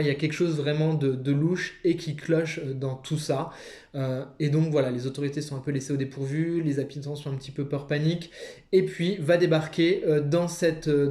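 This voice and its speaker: Chatty man with a mellow voice. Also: fairly high pitch, roomy sound. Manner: chatty, many hesitations. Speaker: comics reviewer. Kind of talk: casual video review.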